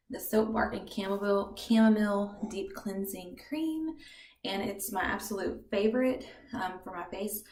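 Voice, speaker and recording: A young pregnant woman vlogging casually from her bathroom, chatty with lots of ums and now and then slipping into soft whispers, a little out of breath. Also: medium pitch. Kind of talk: casual beauty vlog chat. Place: bathroom at home, indoors.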